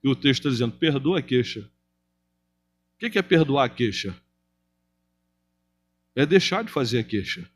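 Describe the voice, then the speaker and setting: A man preaching a sermon to his congregation, asking rhetorical questions and moving between loud emphasis and hushed, drawn-out phrases, with a Brazilian Portuguese accent. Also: mid-range voice, animated. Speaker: pastor. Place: church.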